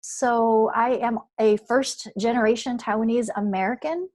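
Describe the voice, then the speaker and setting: A woman from Canada, a storytelling and book coach, introducing herself politely and clearly. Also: fairly high pitch, fairly even intonation, unhurried, darkish tone. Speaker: guest, marketing and book coach.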